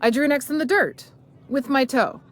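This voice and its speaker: A woman's voice: sits high, normal speed, natural voice. A woman playing scrappy salvager Junkyard Trixie. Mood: sarcastic. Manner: blunt, sarcastic, tough-talking. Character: scrappy tough female salvage freelancer. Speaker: game character.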